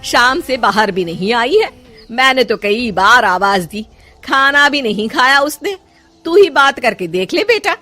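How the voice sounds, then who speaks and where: A woman's voice: fairly high pitch, animated, measured pace, soft background music, exaggerated voice. A woman voicing a worried mother-in-law in a cartoon story who turns kind and proud. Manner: scolding, then warm and proud. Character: older mother-in-law, fussy then kind. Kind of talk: cartoon voice acting.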